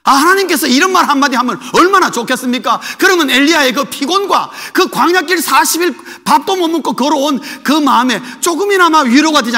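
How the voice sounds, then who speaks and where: A man's voice: very high voice, bright, forceful tone. A male pastor preaching a sermon in a church, emphatic and putting rhetorical questions to the congregation, in an echoey hall. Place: church sanctuary. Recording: echoey hall with long reverb.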